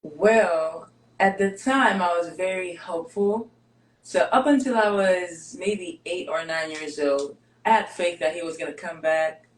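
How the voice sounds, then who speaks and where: A woman with a fairly low voice, recorded poorly in a roomy space. Born and raised in Greece with Greek as her first language, she is a basketball player appearing as an interview guest. She recounts her life story candidly and steadily, in measured phrases with pauses.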